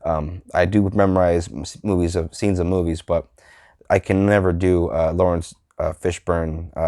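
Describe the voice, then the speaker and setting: Thirties male vlogger, deep voice, loose and halting delivery, dry room. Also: a little mellow, dry recording. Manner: halting, heavy with fillers and restarts. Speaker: movie reviewer. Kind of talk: casual unscripted vlog.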